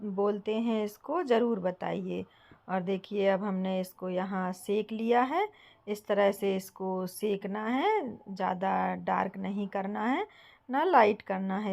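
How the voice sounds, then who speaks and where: A young woman from Bundelkhand hosting her home cooking channel, calmly explaining each step to viewers. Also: medium pitch, slow, gravelly. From Bundelkhand, India. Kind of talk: casual cooking tutorial.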